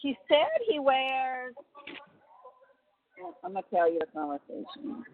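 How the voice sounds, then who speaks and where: Slow-talking woman on a tinny phone line. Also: high-pitched, sing-song. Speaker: caller on a prison phone call. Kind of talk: casual personal phone chat. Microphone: telephone.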